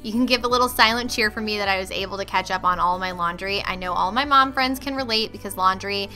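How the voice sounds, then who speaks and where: A woman's voice: medium pitch, quick pace. A young woman chatting casually as a cleaning and cooking vlogger, explaining with occasional filler ums. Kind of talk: casual voice-over narration. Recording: loud background music. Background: loud music.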